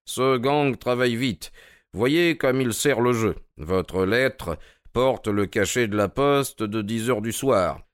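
A man's voice: medium pitch, slow pace, clean tone, dry recording, close to an everyday voice. A man playing an ironic, probing detective in an audio drama reading. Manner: dry, mocking, probing. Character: sharp, ironic male detective, middle-aged.

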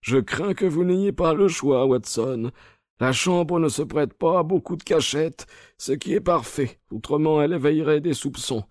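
A man's voice: fairly high pitch, normal speed, darkish tone, no echo, clean studio sound, lightly acted. Sherlock Holmes, a man playing a feverish detective. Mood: urgent. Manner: weak voice, commanding when roused. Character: feverish ailing male detective, cunning.

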